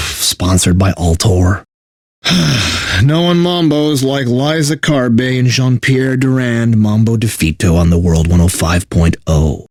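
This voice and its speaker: On the low side and a little mellow, this man performs a bitter, burnt-out corporate radio DJ for a video game, his overblown announcer delivery broken up by sardonic, exasperated asides. The mood is weary and sardonic. It's a dry recording with clean studio sound.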